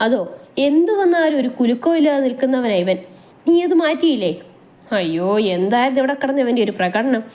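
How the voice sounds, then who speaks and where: A woman's voice: sits high, animated, a little fast, dark tone, voice pushed up. A woman voicing a cheeky young man who mocks his brother. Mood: mocking. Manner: mocking.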